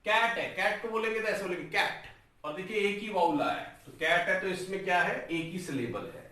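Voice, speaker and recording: A man teaching an English lesson, sounding out words slowly syllable by syllable and calling his viewers guys. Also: high voice, bright, forceful tone, recorded from a distance. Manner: breaks words into slow, drawn-out syllables, addresses viewers as guys. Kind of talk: classroom-style lesson on a whiteboard. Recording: very echoey room, voice from off-mic.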